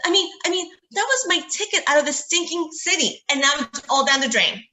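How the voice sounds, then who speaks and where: A woman plays a whiny young woman with a very high, piercing voice, always complaining. She is a character in a stage play. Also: animated, brisk, pushed and bright, exaggerated voice.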